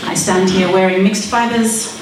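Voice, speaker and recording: A woman's voice: medium pitch, steady tone, moderate pace, distant mic, heavy background noise. A woman in her thirties, from Malawi and raised in Zimbabwe, giving an earnest, persuasive debate speech with wry asides. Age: 30s. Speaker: speaker in a debate. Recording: very echoey hall, speaker away from the mic.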